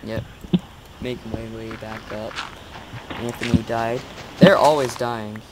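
A man's voice: medium pitch, fairly even intonation, a little slow. A man chatting casually while playing a game with friends, easygoing and narrating what he is doing as he goes. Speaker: player in a game series. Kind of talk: casual gaming chat. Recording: hissy, noisy recording.

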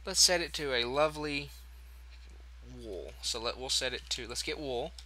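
A man's voice: medium pitch, moderate pace, bright, forceful tone, slight background noise. A man hosting a casual game tutorial, chatty and thinking aloud as he corrects himself. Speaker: tutorial host.

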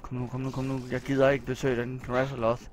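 A Danish-accented man commenting on his own gameplay, muttering anxiously to himself and now and then breaking into loud yelling. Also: mid-range voice, completely flat delivery, noisy background. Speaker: gaming channel host.

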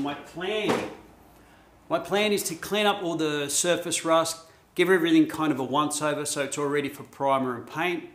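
A man's voice: fairly high pitch, fairly bright tone, echoey room. A middle-aged Australian man hosting a casual DIY vlog from his home garage, laid-back and chatty with plenty of ums. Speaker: host.

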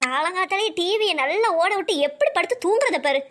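A woman's voice: extremely high pitch, animated, a little fast, heavy background noise. A woman voicing a grumbling, nagging old mother-in-law in a cartoon, with a southern Tamil Nadu accent. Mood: scolding. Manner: scolding, complaining.

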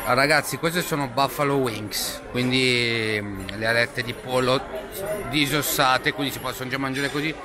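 Chatty young man in a loud restaurant. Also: medium pitch, normal speed. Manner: chatty, jokey, addresses viewers directly. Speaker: travel food vlogger. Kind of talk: casual vlog talk to camera. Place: busy restaurant in a shopping mall. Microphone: small handheld camera mic at arm's length. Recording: noisy crowd and music behind. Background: loud crowd chatter and music.

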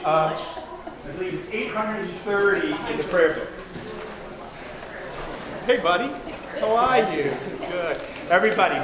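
A man's voice: sits high, heavy reverb, noisy background. A man, the pastor, giving friendly, joking announcements and reading prayers to his congregation in church. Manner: chatty and joking between formal prayer. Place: large church sanctuary. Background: congregation murmuring.

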